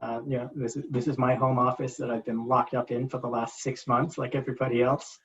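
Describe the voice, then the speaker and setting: Halting man on a dull call line. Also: mid-range voice, flat delivery, gravelly. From Guyana, raised in England. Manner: halting, repeats words, many fillers. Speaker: guest, entrepreneur. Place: home office.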